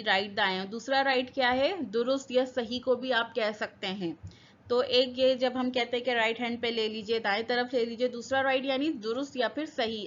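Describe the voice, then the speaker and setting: Woman teacher going over english words, spells em out letter by letter, pretty high voice, kinda muffled recording. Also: a bit bright. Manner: spells words letter by letter and repeats their meanings; asks the class questions and answers them herself. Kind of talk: vocabulary lesson.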